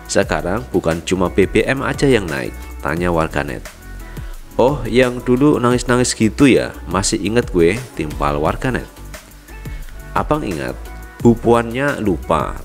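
A man presenting an online news channel, reading viewer comments aloud and then talking loosely to his audience. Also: sits low. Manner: reads netizen comments in a livelier voice, then talks loosely to viewers. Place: Jakarta.

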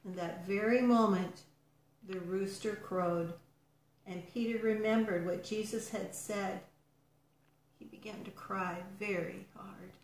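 Slow, gentle woman reading to children. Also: mid-range voice, roomy sound, slight background noise, low-quality recording. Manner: gentle, expressive read-aloud with soft drops. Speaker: children's storyteller.

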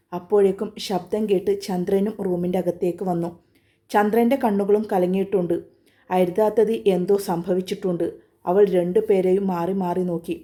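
A woman storyteller reading a serialized romance story aloud in an even, steady manner. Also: mid-range voice.

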